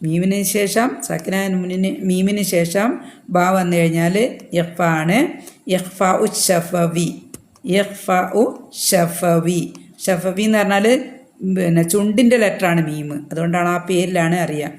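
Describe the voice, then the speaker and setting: A man with a Malayali accent teaching Quran recitation rules, explaining step by step and repeating syllables slowly. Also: high-pitched, fairly even intonation, reverberant. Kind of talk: tajweed lesson with slow recitation.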